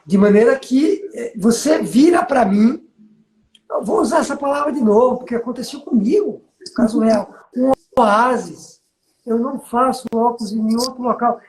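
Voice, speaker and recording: His voice is very high and a little mellow, moving at a moderate pace through a reverberant, poor-quality recording. A middle-aged Northeastern Brazilian from Bahia, he gives casual business coaching, storytelling while making sure the listener follows and agrees.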